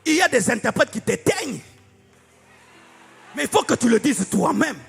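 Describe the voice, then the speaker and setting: Fiery preacher, high gravelly voice. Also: male voice, sing-song, normal speed, slight background noise. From DR Congo. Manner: fiery preaching, often shouting and sing-song. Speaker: pastor. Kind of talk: sermon. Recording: echoey hall with faint music.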